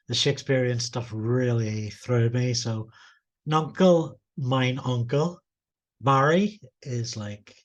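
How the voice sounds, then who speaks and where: A man co-hosting a podcast, chatting casually and explaining things in a measured way. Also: mid-range voice. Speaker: podcast co-host. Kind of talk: casual chat.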